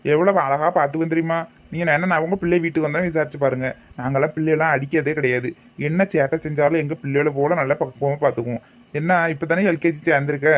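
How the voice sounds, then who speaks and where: A man playing a brisk, sharp-tongued kindergarten teacher. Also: fairly high pitch, natural voice. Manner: brisk, bossy, quick to threaten. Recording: dull lo-fi sound.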